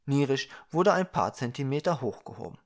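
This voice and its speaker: A man reading a fairy tale aloud, calm and quiet. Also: medium pitch, fairly quick. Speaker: narrator. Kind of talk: storybook reading.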